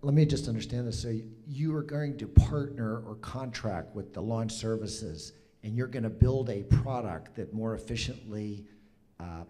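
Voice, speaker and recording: A man with a fairly low, dark-toned voice questions contestants as a judge. He restates things and probes for clarity, speaking off the cuff. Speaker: pitch competition judge. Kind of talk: spontaneous probing questions.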